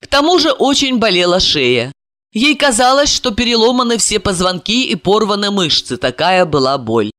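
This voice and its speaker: Expressive audiobook narrator with a dry sound. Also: medium pitch, normal speed, no room sound. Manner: expressive storytelling reading. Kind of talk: scripted narration.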